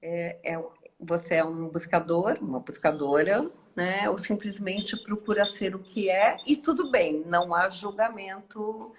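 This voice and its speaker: A woman with a Brazilian Portuguese accent, a guest speaker giving a reflective live-stream talk with many pauses and tag questions. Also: medium pitch, noisy background. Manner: slow, thoughtful, with frequent pauses and tag questions. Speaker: guest speaker and course teacher.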